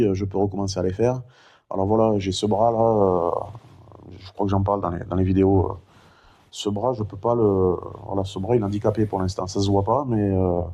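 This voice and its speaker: A talkative middle-aged man vlogging to camera, wandering from thought to thought with plenty of fillers. His voice sits a little low and sounds warm and mellow. A weakened vocal cord has taken away his high head voice. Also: husky. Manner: rambling and talkative, many fillers. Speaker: vlogger recounting his cancer. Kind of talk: casual chatty vlog.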